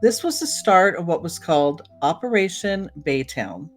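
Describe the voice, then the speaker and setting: A woman hosts a solo podcast, chatting casually and directly to listeners about old time radio. Her voice is on the low side and very animated, at a normal speed. Faint music plays behind her.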